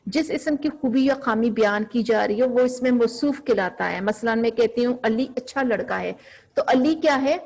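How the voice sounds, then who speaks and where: A woman teaches a school grammar lesson in a fairly high voice. She asks a question, then answers it herself, and keeps going through lists of examples. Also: creaky, darkish tone.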